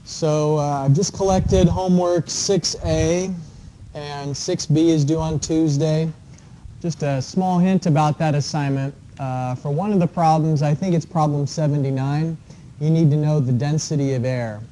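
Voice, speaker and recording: Mellow-voiced male engineering lecturer. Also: fairly high pitch, unhurried, slight background noise, low-quality recording. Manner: relaxed, explanatory, with frequent fillers. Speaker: engineering professor. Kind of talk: classroom lecture. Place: lecture classroom.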